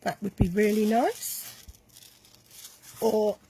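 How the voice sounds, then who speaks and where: Croaky-voiced woman demonstrating a craft. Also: mid-range voice, slow, warm tone, slight background noise. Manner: chatty, self-correcting, talks while working with hands. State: slightly croaky voice. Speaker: craft tutorial host. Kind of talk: casual step-by-step craft demonstration.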